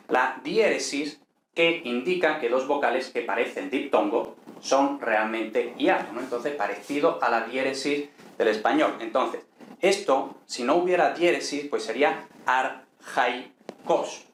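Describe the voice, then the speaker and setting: A man's voice: medium pitch, a bit bright. Man teaching in an echoey room. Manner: unhurried, frequent tag questions and fillers. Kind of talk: explaining ancient Greek lesson. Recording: echoey room with faint noise.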